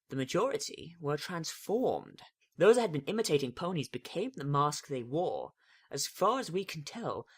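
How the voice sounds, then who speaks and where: A reader acts as a regal female pony princess in a storybook drama. She is calm and motherly, speaking in a measured, stately way with gently varied intonation. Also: mid-range voice, breathy edge.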